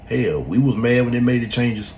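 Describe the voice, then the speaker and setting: A man's voice: medium pitch, expressive, normal speed, darkish tone, a little hiss or hum, poor audio. A man hosting a podcast, talking in a blunt and emphatic way with casual swearing, giving his opinion in a loose, unscripted chat. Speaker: podcast host. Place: at home in front of a laptop.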